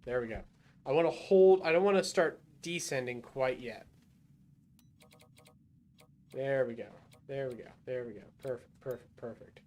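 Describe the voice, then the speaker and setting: A man's voice: mid-range voice, normal speed, pauses often, darkish tone, a little hiss or hum. A man livestreaming a rocket game, thinking aloud and talking himself through each move. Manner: self-muttering with fillers and restarts. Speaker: gaming livestreamer. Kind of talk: casual live gameplay commentary.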